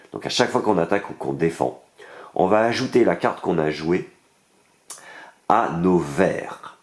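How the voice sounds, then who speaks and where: A man's voice: low-pitched, a little mellow. A man with a French accent casually reviewing a board game's cards, enthusiastic and explaining the rules step by step with many fillers. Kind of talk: casual unboxing and card review.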